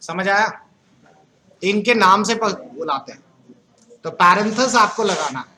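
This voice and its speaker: Bright high-voiced male computer teacher. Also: animated, unhurried. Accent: Uttar Pradesh Hindi. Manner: asks the class questions, jokes with students. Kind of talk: classroom lecture.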